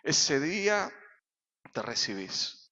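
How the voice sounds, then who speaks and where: A man with an Argentine accent, a pastor preaching a sermon in a church, full of rhetorical questions and sudden shouts. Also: on the high side, sing-song, takes it slowly. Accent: Argentine Spanish. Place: church sanctuary. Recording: reverberant hall, dull sound.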